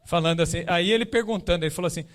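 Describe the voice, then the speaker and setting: High-voiced man telling stories in a talk. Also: very fast. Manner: conversational, many tag questions. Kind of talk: storytelling talk to a live group.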